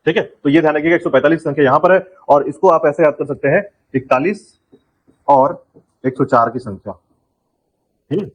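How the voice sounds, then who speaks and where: A man's voice: a little high, normal speed, pauses often, lo-fi sound. A man teaching an exam-prep lecture, drilling key points and repeatedly telling students to remember them. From India.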